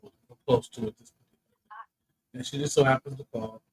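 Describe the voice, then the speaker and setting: A man's voice: mid-range voice, steady tone, moderate pace, background noise. Man telling stories loosely and profanely. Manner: loose, profane, emphatic with repeated asides. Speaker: comedian and co-host. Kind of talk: casual chat, personal storytelling.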